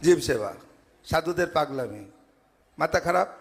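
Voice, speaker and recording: A monk with a high, gravelly voice delivers a devotional sermon to a gathering of devotees in a large ashram assembly hall. He speaks a little slowly with lively intonation, earnestly building his points through repeated parallel phrases. The recording carries a long hall reverb.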